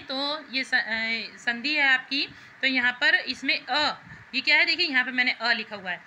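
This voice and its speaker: A woman's voice: high-pitched, pushed and bright, slight background noise, rough recording. A woman teacher working patiently through Sanskrit exercises, often asking questions back to her students. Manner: patient, repeats and asks questions to the class. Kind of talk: explaining worksheet answers to students.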